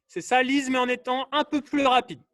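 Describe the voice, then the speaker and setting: A man coaching a live online fitness class, calling out drills and colors in short bursts and urging everyone to go faster. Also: very high-pitched, level tone, a bit bright.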